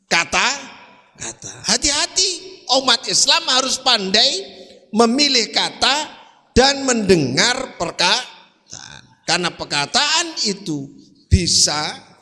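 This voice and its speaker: A man's voice: sits high, pushed and bright. A man preaching a sermon, quizzing his congregation with rhetorical questions. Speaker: Islamic preacher. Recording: long hall reverb.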